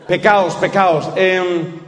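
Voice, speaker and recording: A man's voice: sits high, steady tone, slow pace, big-room sound. A man doing a flustered, fumbling bride. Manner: fretful, fumbling. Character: flustered bride rushing to confess.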